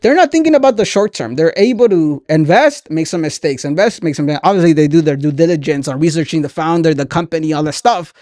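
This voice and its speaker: In a clean, echo-free studio, a podcast host and entrepreneur in his twenties delivers a motivational talk, speaking earnestly and conversationally and often asking "right?". His high-leaning, darkish voice is animated and fast, with hardly any pauses, as he passes lessons directly to listeners.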